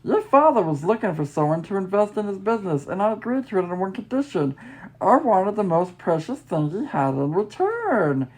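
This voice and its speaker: A woman's voice: mid-range voice, very animated, normal speed, a little mellow, slightly rough, rough recording. A woman voicing a smug, imperious male businessman suitor in a story game, taunting and possessive.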